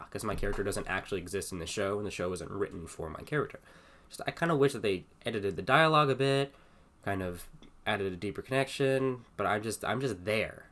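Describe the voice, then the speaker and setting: Young man, low-pitched voice, rambling and exasperated, lots of fillers, comedic commentary. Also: a bit bright. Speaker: video host reading fanfiction.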